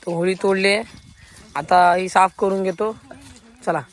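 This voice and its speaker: A man with a Konkan Marathi accent, filming a casual outdoor vlog on a phone and excitedly calling out to friends. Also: high voice, a little slow. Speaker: vlogger. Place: outdoors in a village field. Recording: crowd noise outdoors. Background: crowd of villagers.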